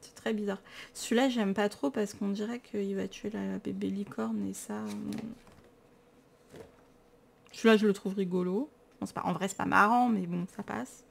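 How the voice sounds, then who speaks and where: A woman's voice: medium pitch, steady tone, moderate pace, vocal fry. A tired woman with a French accent, chatting casually and enthusiastically about her books in a vlog. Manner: chatty and enthusiastic, self-mocking. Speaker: vlogger. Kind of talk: casual chat, showing books.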